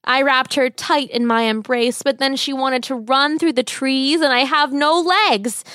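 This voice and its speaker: A woman's voice: sits high, fairly even intonation, a little slow, fairly bright tone, smooth, no room sound, clean studio sound, pitched above the performer's own voice. A woman voicing an earnest young man pleading. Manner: pleading and eager.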